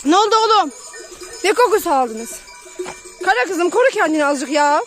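A woman's voice: very high voice, expressive, normal speed, faint music behind. A woman vlogging outdoors while herding, chatting and calling out to her dogs and flock. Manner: calls and shouts to dogs and flock, chatty asides. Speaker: shepherd vlogger. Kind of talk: casual vlog while herding animals. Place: outdoors in open pasture.

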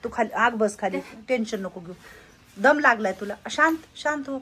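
A woman caretaker at an old-age home, calming the residents in casual talk. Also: fairly high pitch, moderate pace. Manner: soothing, calms residents.

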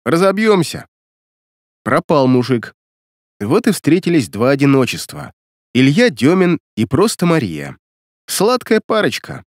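A man's voice: mid-range voice, sing-song, moderate pace, darkish tone, no room sound, studio quality. Wry male audiobook narrator. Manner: wry, ironic storytelling. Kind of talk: first-person audiobook narration.

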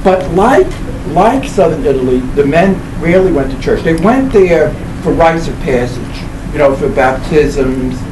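A seventy-something professor with a fairly high, lively voice gives an informal book presentation in a library event room. He hesitates, digresses, repeats himself and self-corrects. The far-off camera mic yields roomy audio with heavy background noise.

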